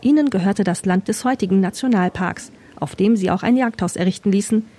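A woman narrates a scripted radio travel feature in a mellow, warm voice. Her delivery is measured and informative. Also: medium pitch. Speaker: radio reporter.

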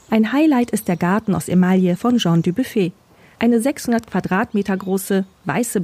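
A woman reporter reading a scripted radio feature in a measured, informative way. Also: mid-range voice, mellow.

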